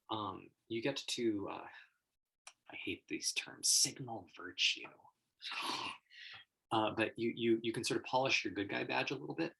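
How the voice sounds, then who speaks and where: Husky man explaining ideas aloud. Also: fairly low pitch, low-quality recording. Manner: animated, acts out quoted voices, laughs often. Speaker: host. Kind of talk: casual explanatory livestream talk.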